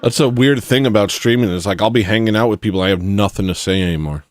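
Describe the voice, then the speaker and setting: Making music on a stream, a man chats casually and rambles in a self-deprecating way. His voice is rough and fairly low, and he talks fast.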